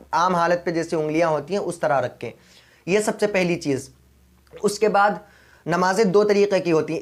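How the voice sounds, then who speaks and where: A man with an Urdu accent, a mufti, giving religious instruction on prayer step by step and patiently, repeating the key points. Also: high-pitched. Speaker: mufti teaching prayer rules.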